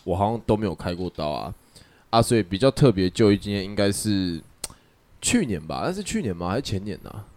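A man hosting a casual chat podcast, telling stories in an animated way and laughing often. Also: on the low side, fairly quick. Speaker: podcast host.

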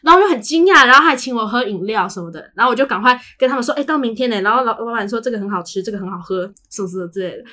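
Bright, fast-talking young Taiwanese woman. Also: mid-range voice. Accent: Taiwanese Mandarin. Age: young adult. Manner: chatty storyteller who acts out dialogue. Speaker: podcast co-host. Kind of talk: casual chat.

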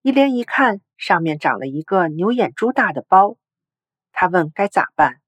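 Low-voiced woman reading a story. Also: normal speed, dry recording. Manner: steady, even storytelling read. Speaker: narrator. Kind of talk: scripted narration of a story article.

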